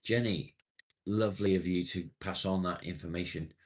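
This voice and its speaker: A man's voice: low voice, steady tone, moderate pace, background noise. A man in his late forties hosting a casual livestream, chatting matily with viewers and swearing now and then. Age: 40s. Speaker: livestream host. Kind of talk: casual live chat reading viewer comments.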